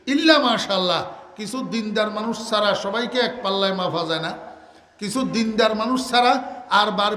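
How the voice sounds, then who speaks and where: An older man with a Bangladeshi Bengali accent preaching a waz sermon, asking the crowd questions, answering them himself, and drawing out Arabic words slowly in a half-sung way. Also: high voice, sharp tone. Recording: echoey hall reverb.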